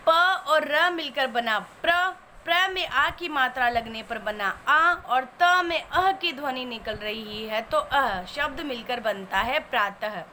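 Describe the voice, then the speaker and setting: High, bright woman teaching slowly. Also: slight background noise. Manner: patient, breaks words into sounds step by step. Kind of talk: Hindi spelling lesson.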